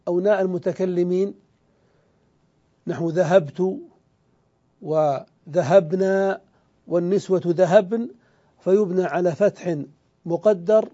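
High-voiced man teaching Arabic grammar. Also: warm tone, muffled recording. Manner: explains step by step, asking and answering his own questions; draws out example words slowly. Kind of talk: classroom grammar lecture.

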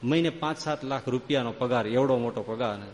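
A man's voice: medium pitch, brisk, long reverb tail, a little hiss or hum. A man giving a devotional sermon, telling stories and reeling off long spoken lists. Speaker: preacher.

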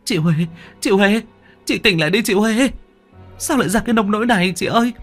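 A man's voice: a little high, sing-song, brisk, slightly rough, faint music behind, pitched above the performer's own voice. A man voicing a desperate young woman who pleads for and grieves her sister, wailing and pleading.

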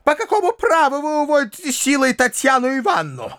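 A man voicing a furious, shrill middle-aged gentlewoman in an audiobook, screeching a scolding tirade of accusations. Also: lively intonation, fairly quick, no echo, clean studio sound, close to an everyday voice. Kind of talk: audiobook character voice.

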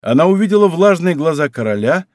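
A man's voice: on the high side, sing-song, darkish tone, no room sound. Man narrating a novel, dry and close. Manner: measured, subdued storytelling. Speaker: audiobook narrator. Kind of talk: scripted narration.

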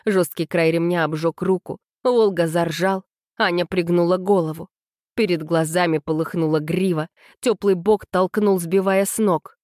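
A woman narrating a story in a steady, measured audiobook reading. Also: lowish voice, no room sound, clean studio sound.

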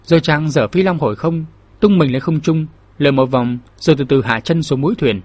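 On his own channel, a man narrates a martial-arts novel audiobook in a steady, measured storytelling style. His voice is on the high side, recorded with no echo.

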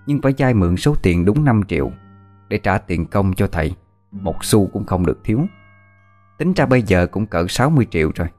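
A deep-voiced man tells a scripted horror story at an even, measured pace. Soft music plays faintly beneath his voice.

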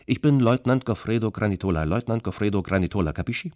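A man doing an excitable Italian lieutenant. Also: on the low side, fast talker, dry recording, studio quality, natural voice. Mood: eager. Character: eager male Italian army lieutenant, excitable.

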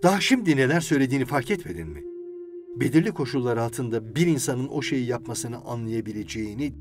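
A man voicing a tense, bitter young wife who talks in a sharp, irritable and anxious way, with music playing behind. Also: medium pitch, lively intonation, fast, natural voice.

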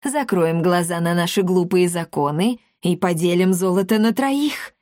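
A woman voicing a calm, sly male gendarme who speaks softly and coaxingly. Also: on the low side, no room sound, studio quality, natural voice. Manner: slow, soft and coaxing.

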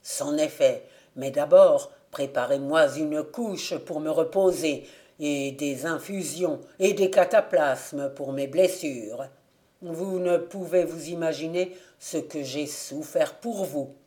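A woman's voice: deep voice, slow pace, mellow. A woman reading a storybook aloud and voicing a wounded male robber who dramatically complains about what he suffered. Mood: aggrieved. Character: battered male robber exaggerating his wounds.

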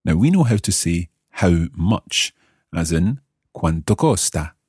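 A low-pitched man teaching a podcast language lesson, his voice lively and full of rises and falls. He has a slightly husky tone, recorded close and dry with no room sound. He talks in a clear, deliberate way and slows right down for example phrases. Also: no room sound.

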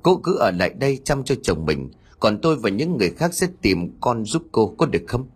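A narrator playing a calm old monk. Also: male voice, medium pitch, breathy edge. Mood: soothing. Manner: measured, soothing. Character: calm old Buddhist monk, steady elder.

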